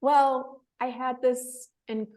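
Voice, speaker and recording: A fellowship winner in her thirties tells her story as an interview guest, casual and animated, laughing often and acting out the voices of people she quotes. Her voice is high-pitched and slow. She sounds emotional, close to tears.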